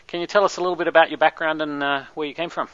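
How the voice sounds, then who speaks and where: Bright-voiced interviewer from Australia, lo-fi sound. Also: male voice, on the high side, steady tone, rapid-fire, a little hiss or hum. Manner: curious, direct questions. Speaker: interviewer, host. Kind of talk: casual interview.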